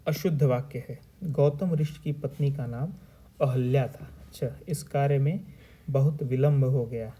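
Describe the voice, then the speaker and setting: A man's voice: mid-range voice, dark tone, husky. A man teaching a Hindi exam lesson. He reads out each multiple-choice question and its options, then patiently explains which spelling or sentence is correct. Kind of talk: previous-year paper discussion lesson.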